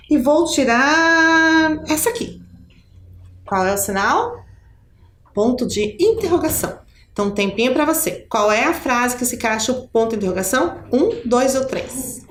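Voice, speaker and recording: A woman with a Brazilian accent from Curitiba, a primary school teacher giving a video lesson for children, patient and didactic, speaking straight to the pupil with fond diminutives. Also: a little high. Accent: Brazilian Portuguese, Curitiba. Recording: echoey room with faint background noise.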